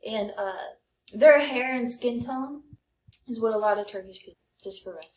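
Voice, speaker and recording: A young American woman co-hosts a comedy podcast, chatting casually and sharing personal stories. Her voice is a little high and a little mellow at normal speed. The recording sounds roomy and echoey.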